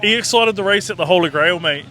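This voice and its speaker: A man's voice: high-pitched, quick pace, pushed and bright. A man with a New Zealand accent doing a casual, matey sports interview full of slang. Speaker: trackside interviewer. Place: outdoors at a speedway. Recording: outdoor trackside with vehicle noise.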